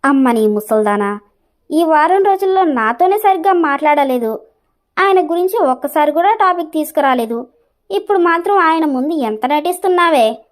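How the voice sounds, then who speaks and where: A woman's voice: high voice, animated, moderate pace. A woman voicing a spirited young wife in a cartoon story, teasing her husband and privately mocking her mother-in-law. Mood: angry.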